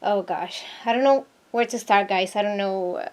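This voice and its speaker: A woman's voice: mid-range voice, moderate pace. A woman from Argentina talking casually to her viewers in a vlog, hesitant and searching for words, earnest and troubled. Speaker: vlogger. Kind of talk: casual talk to camera.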